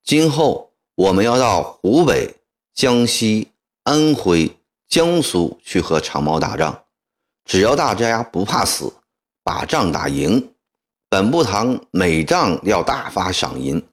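A man's voice: on the low side, very animated, slow. Man voicing a stern commander rallying troops. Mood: rousing. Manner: loud, formal speech to massed soldiers. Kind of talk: audiobook character voicing.

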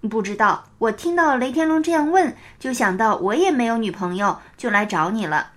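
A woman's voice: a little high, animated, fairly quick, fairly bright tone. A woman voicing a cheeky little boy who speaks confidently and matter-of-factly. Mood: bold.

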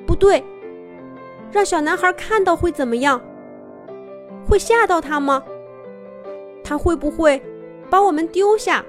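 A woman voicing a small, shy male toy teddy bear in a children's story, soft and fretful. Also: very high-pitched, animated, measured pace, long pauses, soft background music. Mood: worried.

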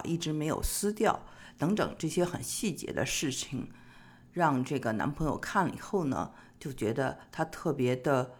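A middle-aged speaker from China hosting an advice show, talking in a casual, explanatory way with frequent pauses on filler particles. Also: mid-range voice. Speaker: host of an immigration-advice show.

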